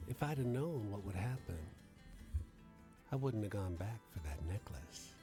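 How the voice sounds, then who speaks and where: A man's voice: on the low side, animated, unhurried, warm tone, soft background music. A man voicing a sly, folksy woman who tells a suspenseful tale in a story game. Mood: sly, teasing. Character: sly female storyteller with a secret, playful ghostly lady. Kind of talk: video game character voice.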